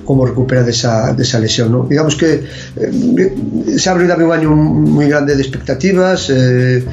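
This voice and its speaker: A man's voice: medium pitch, normal speed, gravelly, darkish tone, a little hiss or hum. A man speaking as an athletics expert guest, giving opinionated, analytical interview answers. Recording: roomy, dull lo-fi sound.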